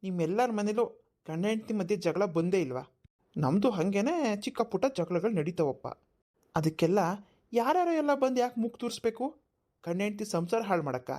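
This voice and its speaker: A woman voicing a defensive, lying middle-aged village husband in a cartoon, with loud indignant denials. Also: fairly low pitch, fairly quick, natural voice. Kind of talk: cartoon voice acting.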